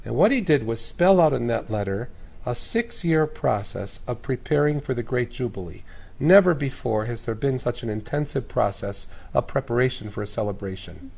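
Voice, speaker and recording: A man speaks in a raspy, hoarse voice, full of gravelly fry. He is a priest on a panel, explaining in measured phrases, and his voice sounds worn out from too much shouting. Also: mid-range voice, lively intonation. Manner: measured, uses analogies and lists. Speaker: priest, guest commentator.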